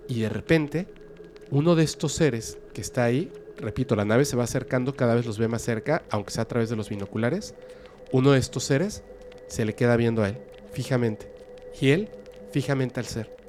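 A man telling a dramatic story in a suspenseful, lively way. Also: medium pitch, normal speed, slight background noise. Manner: lively, suspenseful, with sudden loud bursts.

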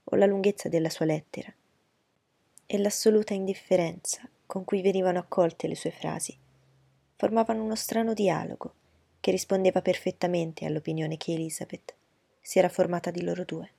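A woman narrates a classic novel in a calm, even reading voice. Her tone is low, dark and husky with some creak. The recording is dry and close, with no room sound. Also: fairly quick, dry recording. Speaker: audiobook narrator.

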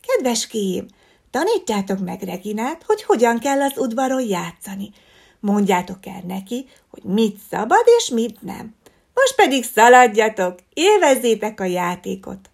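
A woman voicing a kind, warm-hearted owl schoolteacher who speaks in a gentle, coaxing way. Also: on the high side, sing-song, creaky, breathy edge, full character voice. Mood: kindly.

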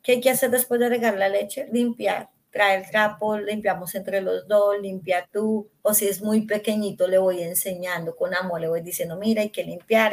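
A woman parenting coach, a podcast guest, talking reflectively and explaining her points with everyday examples. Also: medium pitch. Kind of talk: podcast interview conversation.

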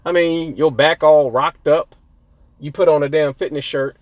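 A man's voice: fairly high pitch, fairly even intonation, normal speed, no echo. A young man hosting a casual solo podcast, profane and boastful, rambling and breaking off mid-thought. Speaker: podcast host. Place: outdoors near a street.

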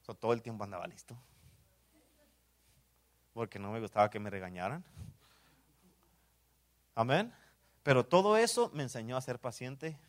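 A man with a Mexican Spanish accent preaching a sermon in church, dropping to hushed asides and rising to loud exclamations, often saying amen. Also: mid-range voice, expressive, moderate pace, long pauses. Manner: swings between hushed asides and loud exclamations, repeats "amén".

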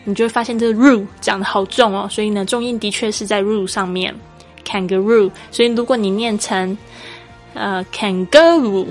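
A woman hosting a podcast English lesson. She explains patiently and spells English words out slowly, letter by letter. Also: mid-range voice, steady tone, soft background music. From Taiwan. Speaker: English teacher and podcast host.

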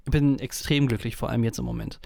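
A man's voice: mid-range voice, steady tone, quick pace, gravelly, mellow, dry recording, studio quality. A man from Germany telling stories in a casual podcast chat, rambling with many fillers and restarts. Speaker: podcast co-host.

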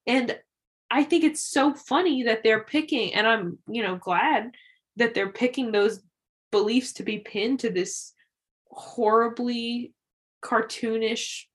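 Chatty young woman, animated. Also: fairly high pitch, slow pace. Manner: animated, laughs often, mimics characters in quotes. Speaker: podcast co-host. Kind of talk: casual chat.

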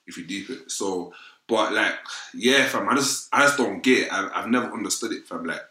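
A man's voice: lowish voice, normal speed, bright, forceful tone. A young man with a London roadman accent, giving his opinions in casual, slang-heavy chat. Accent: London, urban street style. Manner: London roadman slang, frequent "fam" and "innit". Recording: roomy, echoing sound.

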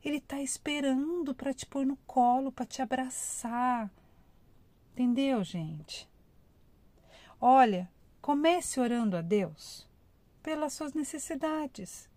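In an informal devotional talk, a female speaker chats with her audience, whom she calls "gente," and performs heartfelt prayers with emotion, all in a warm conversational manner. Her voice is on the high side, and the recording is dry.

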